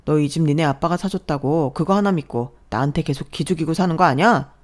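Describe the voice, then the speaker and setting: A young husband who keeps siding with his mother, defensive and a bit whiny, as a woman voices him. the voice sits fairly low and stays close to plain reading. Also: a little fast, darkish tone, lightly acted.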